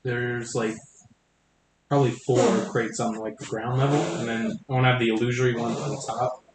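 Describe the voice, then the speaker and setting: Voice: medium pitch, flat delivery, normal speed, a crowd in the background. A player in a casual tabletop game chat, giggly and chatty. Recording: echoey noisy room.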